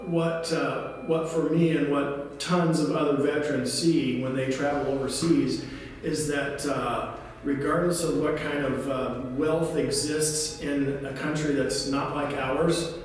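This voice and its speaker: A man's voice: medium pitch, steady tone, unhurried. A man, a veteran, reflecting thoughtfully and a little hesitantly on what he saw overseas. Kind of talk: interview reflection. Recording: echoey hall.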